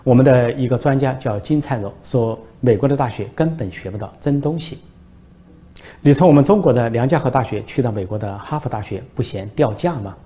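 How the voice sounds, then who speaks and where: A stern, preachy customs officer, voiced by a man telling a joke, who fires off questions and lectures. The voice stays close to the storyteller's own: mid-pitched and mellow, without much put-on character. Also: fairly quick, lightly acted. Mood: questioning, lecturing.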